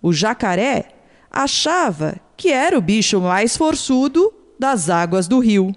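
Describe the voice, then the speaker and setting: A woman narrating a children's fable in an expressive storytelling manner. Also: fairly high pitch, measured pace. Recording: long hall reverb.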